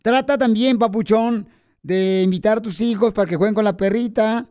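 High-voiced playful radio host. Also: male voice, moderate pace, a little mellow, smooth. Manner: playful, teasing, calls people pet names. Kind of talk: prank call radio show chat.

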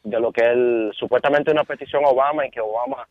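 A man's voice: medium pitch, fast talker, no echo. A man calling in to a radio show over the phone, chatting casually. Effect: phone line. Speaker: caller. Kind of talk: phone-in call. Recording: tinny phone line.

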